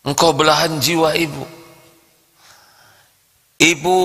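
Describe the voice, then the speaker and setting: A man's voice: medium pitch, bright, forceful tone. A man voicing a loving mother coaxing her child sweetly and affectionately, with a long hall echo.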